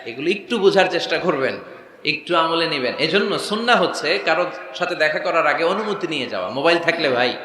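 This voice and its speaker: A man's voice: fairly high pitch, expressive, pushed and bright. A man preacher giving a sermon, firing rhetorical questions at the crowd and acting out short dialogues. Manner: acts out dialogues in quick voices. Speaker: Islamic preacher. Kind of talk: Bengali waz sermon with sung recitation. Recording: echoey hall with faint noise.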